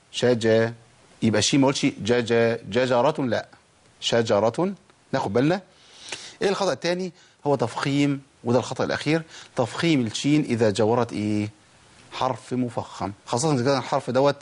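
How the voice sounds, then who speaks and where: A man with an Egyptian accent teaching a tajweed lesson, drawing out example sounds and explaining briskly in conversational speech. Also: medium pitch. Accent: Egyptian Arabic. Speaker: Quran recitation teacher.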